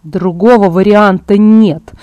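Woman reading as stubborn young male vampire, curt, commanding, mellow dark tone, dry close sound. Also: mid-range voice, moderate pace, no room sound, highs cut off, lightly acted. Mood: angry.

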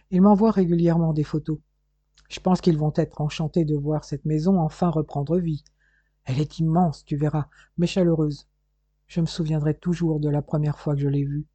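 A man's voice: a little high, fairly even intonation, moderate pace, mellow, breathy edge, no echo, dull audio. A man reading as a decisive loving husband. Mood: fond. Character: eminent male researcher, loving decisive husband.

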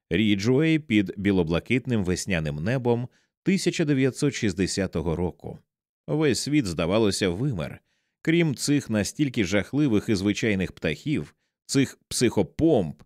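Measured and dramatic, this low-voiced male narrator performs a horror audiobook, his pitch swinging widely as the tension mounts. The sound is close and dry, without any room sound.

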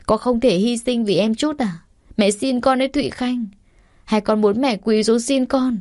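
A stern middle-aged mother, pleading through tears, read by a woman narrator. Her tone is mellow and soft at the edges. The recording is close and dry. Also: a little high, normal speed, no room sound, natural voice. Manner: scolding then pleading.

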